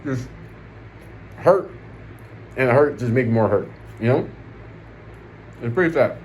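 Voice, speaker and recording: A man's voice: mid-range voice, lively intonation, normal speed, darkish tone. An American man talking in a casual, slangy way, rambling through his opinions like a vlogger and often checking in with the listener. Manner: slangy, conversational, frequent check-in tags. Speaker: vlog host. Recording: noticeable background noise.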